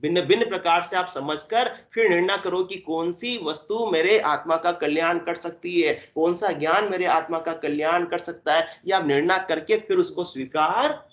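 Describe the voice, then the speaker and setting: A man giving a spiritual discourse, explaining by asking and answering his own questions and drawing out verse lines slowly. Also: sits high, fairly bright tone. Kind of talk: Hindi satsang discourse. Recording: dull lo-fi recording.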